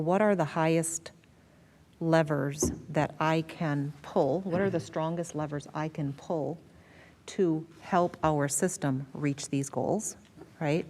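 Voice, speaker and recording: In a school board meeting room, a school district superintendent gives a presentation. She is an American woman whose voice sits low with a slightly mellow quality, and she explains points while repeating words to stress them.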